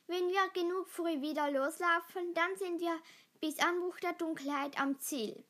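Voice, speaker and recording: A woman's voice: very high voice, steady tone, a little slow, fairly bright tone, voice pushed up. A woman voicing a stern male wolf pack leader who gives commands. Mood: commanding.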